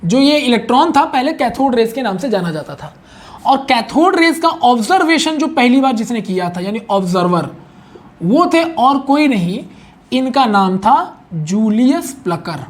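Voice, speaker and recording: A man's voice: extremely high pitch, big pitch swings, a little slow. A male chemistry teacher giving a casual online exam-prep lecture, chatty, repeating key points and checking in often with his students.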